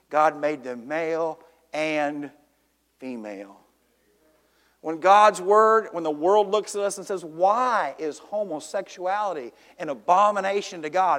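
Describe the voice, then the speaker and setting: High-voiced pastor preaching in a reverberant church. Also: male voice. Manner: emphatic preaching with drawn-out stressed words. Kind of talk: evening sermon. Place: church sanctuary. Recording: long hall reverb in a church.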